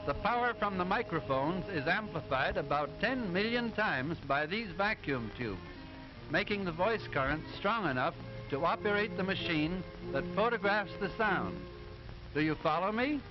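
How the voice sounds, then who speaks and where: A man playing an instructive professor in an early talkie cartoon, explaining things in a deliberate, didactic manner. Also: high voice, animated. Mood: patient, instructive. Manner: deliberate, didactic, clearly enunciated. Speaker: narrator explaining sound film. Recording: dull 1920s optical film soundtrack, music behind.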